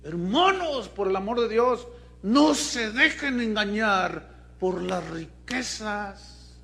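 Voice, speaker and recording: A man's voice: high-pitched, lively intonation, takes it slowly, gravelly, bright, forceful tone. A man with a Mexican accent preaching a sermon to his congregation, emphatic and full of questions to the listeners. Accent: Mexican Spanish. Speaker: pastor.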